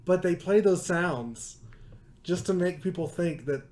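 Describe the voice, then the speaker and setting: A man co-hosting a podcast, telling an animated story in casual chat and laughing often. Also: high-pitched, measured pace. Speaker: podcast co-host.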